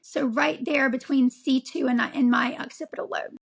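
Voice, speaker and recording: A woman of forty, an interview guest, telling her own story in a halting way with frequent ums and restarts. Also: high voice, fairly even intonation, creaky, husky, rough recording. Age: 40s. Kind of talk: candid personal account.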